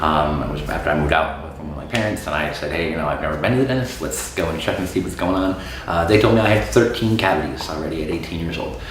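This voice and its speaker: A man's voice: extremely low pitch, fast. A man in his thirties from Florida talking casually and frankly to camera as a dental patient, with lots of fillers. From Florida, USA. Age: 30s. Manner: relaxed, frank, many fillers and um's. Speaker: dental patient giving a testimonial. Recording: very echoey room with faint background noise.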